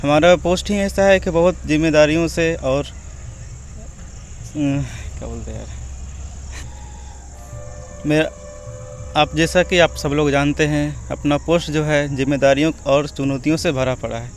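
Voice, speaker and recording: A man's voice: fairly high pitch, measured pace, long pauses, slight background noise. A man from Bihar, a railway employee, answering interview questions hesitantly while searching for words. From Bihar, India.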